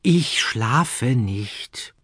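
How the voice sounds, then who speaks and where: A man's voice: a little high, sing-song, normal speed, slightly rough, no room sound, studio quality, voice pushed up. A male narrator voicing an earnest, anxious little boy in a children's audiobook. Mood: pleading.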